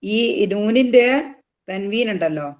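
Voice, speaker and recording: A Quran recitation teacher, patiently explaining recitation rules, slowing down to sound out each word and repeating it. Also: medium pitch. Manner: patient, slows right down to demonstrate each word; repeats words and mixes in English terms.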